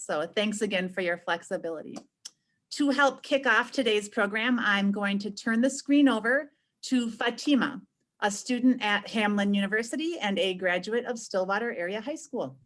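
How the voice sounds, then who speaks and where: A woman in her forties, a foundation president, giving measured, polite welcome remarks on a video call from her office. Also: mid-range voice. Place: office with a painting behind. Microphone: video call webcam.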